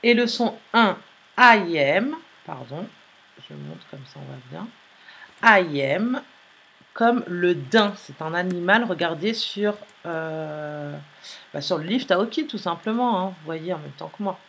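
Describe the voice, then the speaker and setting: Slow, husky-voiced woman teacher. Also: lowish voice, expressive, fairly bright tone. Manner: slow, careful dictation, repeating and spelling letters aloud. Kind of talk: French phonics lesson.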